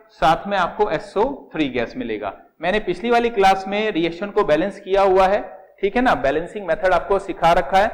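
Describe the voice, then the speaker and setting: High-voiced male chemistry teacher. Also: rough recording. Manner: explains step by step, calls students "beta", repeats key words. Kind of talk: classroom lecture at a whiteboard.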